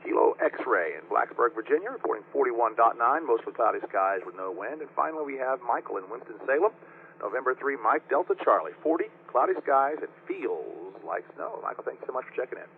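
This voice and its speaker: A man's voice: medium pitch, animated, brisk. A man runs a radio-room check-in net as its control operator. His voice comes through thin and narrow-band with faint noise behind it. He is courteous and procedural, reading out call signs in the phonetic alphabet. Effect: radio transmission.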